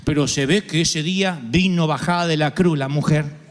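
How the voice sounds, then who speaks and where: A man's voice: a little high, moderate pace. A middle-aged man with an Argentine accent preaching a sermon, telling funny stories and acting out the voices of the people in them. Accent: Argentine Spanish. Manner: humorous storytelling, acts out voices. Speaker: pastor. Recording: long reverb of a large hall.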